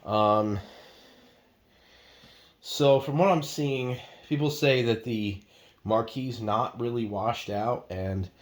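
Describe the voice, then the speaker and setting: A man's voice: mid-range voice, takes it slowly, pauses often. A man giving casual unboxing commentary, rambling and unsure, thinking aloud with fillers as he moves around his home, sometimes drifting away from the camera mic. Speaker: product reviewer.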